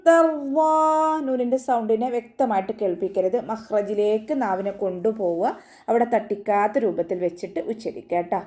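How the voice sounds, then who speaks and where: Mellow-voiced woman teaching recitation. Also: mid-range voice, steady tone, brisk. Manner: patient, step-by-step instruction with frequent tag questions. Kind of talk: online recitation lesson.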